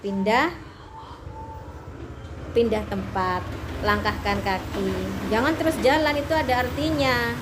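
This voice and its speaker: A woman's voice: fairly high pitch, steady tone, measured pace, pauses often, background noise. A woman teaching a class, explaining step by step in a patient way with many fillers. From Indonesia. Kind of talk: classroom lesson to students.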